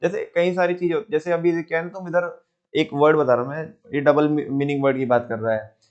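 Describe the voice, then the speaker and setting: A man teaching a class in a relaxed, conversational way, often checking that students follow. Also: on the high side, fast, clean tone, highs cut off. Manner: conversational, with frequent rhetorical check-ins. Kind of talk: classroom lecture.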